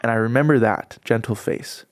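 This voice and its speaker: A young adult man appears as a podcast guest, sharing his personal faith story in an earnest, heartfelt, conversational way and often saying "like." His voice is medium-pitched at a moderate pace, recorded with studio quality and no room sound.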